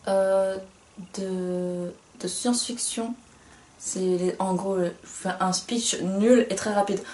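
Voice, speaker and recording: A woman's voice: mid-range voice, darkish tone, roomy sound. A young woman co-hosting a casual book review, chatty and self-mocking, laughing often.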